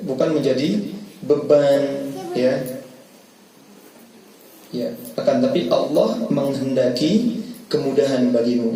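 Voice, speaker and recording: Ustadz guy preaching laid back, gravelly mellow voice, echoey hall mic far off. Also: mid-range voice, slight background noise. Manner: conversational, relaxed preaching with colloquial asides. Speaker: ustadz giving a Ramadan lecture. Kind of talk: casual sermon. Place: mosque hall.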